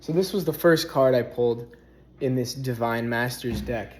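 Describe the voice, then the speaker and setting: A young man talking casually in a spiritual vlog from a rented house, relaxed and rambling, filling his speech with "like". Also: medium pitch, normal speed, a little hiss or hum. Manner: relaxed, rambling, heavy use of "like". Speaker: spiritual vlogger.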